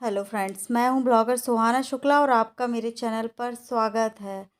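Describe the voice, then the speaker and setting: A woman's voice: on the high side, fairly even intonation, moderate pace. A middle-aged woman vlogger talking straight to camera, indignant and scolding as she defends her daughter. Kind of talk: angry vlog monologue.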